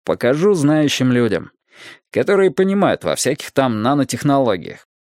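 Man narrating a wry older storybook man, curious, measured, lively tone. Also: mid-range voice, no echo, studio quality, lightly acted. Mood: musing.

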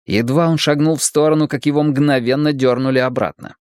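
Male audiobook reader, mid pitch, even delivery, very dry close recording. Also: a little fast, clear, resonant tone, no echo. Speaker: audiobook narrator. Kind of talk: scripted fiction narration.

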